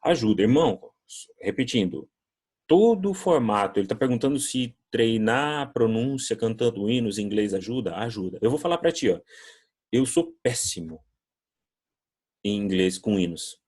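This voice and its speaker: A man's voice: on the low side, animated, normal speed, a little mellow, slightly rough. A man from Brazil teaching an English class online, talking conversationally and acting out quoted voices as he answers student questions.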